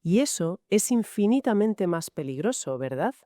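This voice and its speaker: A woman's voice: medium pitch, big pitch swings, moderate pace, warm tone, dry recording, clean studio sound. A woman from Spain co-hosting a Bible study podcast, asking and clarifying points. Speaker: podcast co-host.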